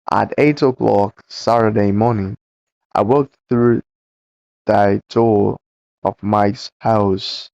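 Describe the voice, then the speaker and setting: A man reading a book aloud slowly and haltingly, with a cracking voice and frequent stumbles and self-corrections. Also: on the low side, creaky, darkish tone, no echo. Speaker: book reader. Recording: dull, muffled home recording.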